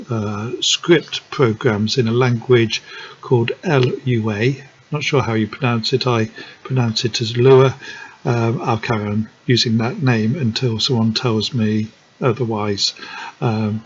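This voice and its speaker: Hesitant man explaining software, lo-fi. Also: mid-range voice. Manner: hesitant, many ums and restarts, friendly. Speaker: software tutorial presenter. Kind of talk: unscripted screen-recording tutorial. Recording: dull lo-fi sound with faint noise.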